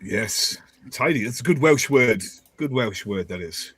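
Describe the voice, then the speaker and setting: A man's voice: mid-range voice, expressive, unhurried, fairly bright tone, slightly rough, no room sound. A man co-hosting a football watchalong, calling the play live with jokey asides. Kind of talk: excited live match commentary.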